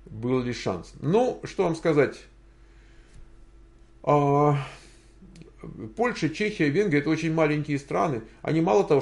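An older man with a gravelly, creaky voice hosts a relaxed Q&A for his viewers. He drifts through his answers and thinks aloud, pausing often to hunt for words. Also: medium pitch. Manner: rambling, thinking aloud with many hesitations. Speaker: host answering viewer questions. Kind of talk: casual livestream Q&A.

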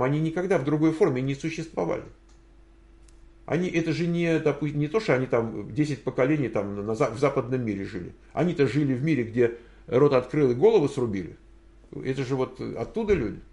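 Older guy w gravelly voice doing a chill viewer q&a from home, rambly, lots of pauses. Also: medium pitch, lively intonation, a little mellow. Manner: rambling, thinking aloud with many hesitations. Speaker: host answering viewer questions. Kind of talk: casual livestream Q&A.

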